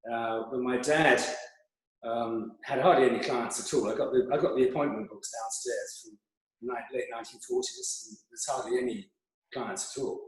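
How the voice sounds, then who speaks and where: An older man with a British accent tells long, meandering stories, full of ums and asides. His voice sits at an ordinary pitch and rings out in a very echoey room. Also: darkish tone. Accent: British English. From Britain. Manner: rambling, chatty storyteller with many fillers. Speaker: guest. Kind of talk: anecdotal interview talk.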